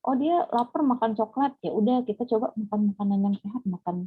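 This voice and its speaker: A woman giving a webinar talk on parenting, chatty and lively, speaking directly to the mothers listening over a video call. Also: a little high, fast, husky, no room sound. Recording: phone-like thin audio.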